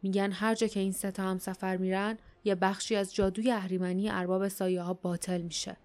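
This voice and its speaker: A woman reading the lines of a gruff, secretive rebel man who talks in a dry, curt way. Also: mid-range voice, little pitch movement, a little mellow, lightly acted.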